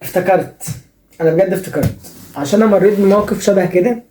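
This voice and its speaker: Young egyptian guy rattling off jokey advice, fast and teasing, mellow voice, echoey room. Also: sits high, slight background noise. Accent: Egyptian Arabic. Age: young adult. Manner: joking, teasing, playfully sarcastic. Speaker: advice show host. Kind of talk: comic advice monologue.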